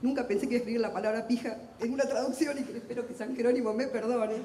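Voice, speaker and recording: A middle-aged woman with an Argentine accent, a literary translator talking quickly and intensely on a book fair panel, with self-deprecating humor. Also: on the high side, steady tone, dark tone, a little hiss or hum. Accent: Argentine Spanish. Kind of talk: lively public talk at a book fair. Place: large hall at a book fair. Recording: echoey hall with long reverb.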